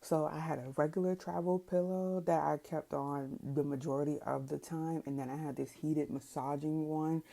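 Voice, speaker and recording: A woman's voice: low-pitched, steady tone, moderate pace, gravelly, hardly any pauses, warm tone. A woman talking casually as a vlogger, explaining and recommending things in a conversational way. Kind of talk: casual product recommendation vlog.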